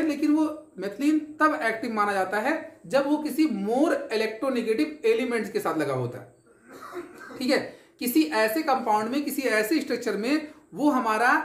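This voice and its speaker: A woman's voice: a little high, expressive, normal speed, reverberant. A woman teaching a chemistry lesson, explaining step by step, asking her students questions and answering them herself, often checking that they follow. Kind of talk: classroom lecture.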